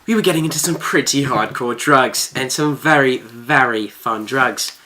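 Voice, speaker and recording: A video host with a bright, forceful voice spins a story for viewers. The delivery is exaggerated and mock-serious, stretching key words for emphasis. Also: mid-range voice, normal speed. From Melbourne, Australia. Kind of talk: vlog storytime, addressed to viewers.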